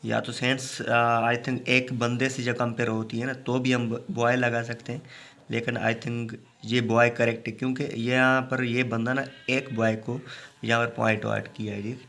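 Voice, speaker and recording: A man teaches a grammar class in a voice of middling pitch. He walks through each rule patiently, pauses to check with his students, and slows right down whenever he reads out an example sentence. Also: little pitch movement, vocal fry, a bit bright. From Pakistan. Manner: explains step by step, often adds a checking "okay".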